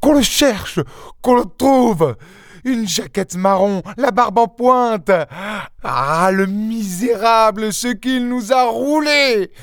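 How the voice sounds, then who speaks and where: A man voicing a panicked middle-aged wife, frantic and shrill, sobbing as she cries out. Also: slow, no echo, studio quality, exaggerated voice. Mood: vociferous.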